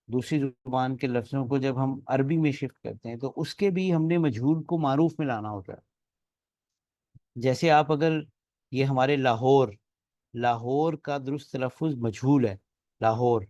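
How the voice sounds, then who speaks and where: A man gives a classroom lecture on Quran recitation at a middle pitch, explaining the rules one at a time. He keeps stopping to chant sample words aloud, stretching them to show correct and wrong sounds. The recording is close and dry, with no room echo. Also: dark tone, highs cut off. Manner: explains step by step, models recitation examples aloud. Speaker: tajweed teacher.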